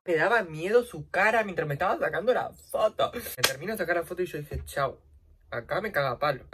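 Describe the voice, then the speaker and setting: A woman's voice: animated, fast talker, heavy background noise. Slangy Rioplatense woman telling a story. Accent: Rioplatense Spanish. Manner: dramatic, slangy, swings between loud outbursts and low asides. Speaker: vlogger. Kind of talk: casual storytime while doing makeup.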